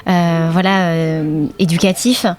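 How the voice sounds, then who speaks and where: A woman hosting a casual interview, asking halting questions and murmuring along as her guest answers. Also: on the low side, steady tone, darkish tone. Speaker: interviewer, host.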